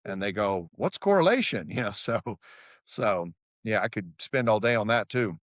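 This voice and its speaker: A man's voice: lowish voice, moderate pace, no room sound, clean studio sound. A man talking as a consultant guest in an interview, telling stories and acting out what others said. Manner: animated, acts out quoted dialogue. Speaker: guest, process improvement consultant. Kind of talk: storytelling interview answers.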